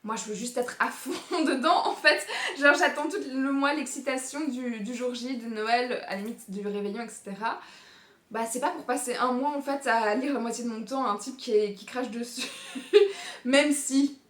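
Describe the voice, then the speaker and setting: In an echoey room, a young book YouTuber chats casually about new books she intends to read, using lots of fillers and laughing often. Her voice is a little high, at a moderate pace.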